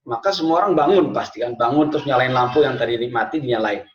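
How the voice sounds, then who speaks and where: Lively male teacher in an echoey room. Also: mid-range voice, fast talker. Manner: lively storyteller, mixing in Arabic phrases. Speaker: Arabic teacher. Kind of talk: online class lecture. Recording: echoey, dull lo-fi room sound.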